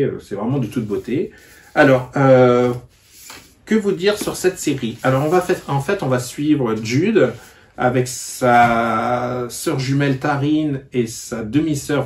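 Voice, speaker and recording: A man's voice: mid-range voice, darkish tone. A man giving a casual book-review vlog, talking hesitantly with lots of fillers and restarts. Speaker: book vlogger.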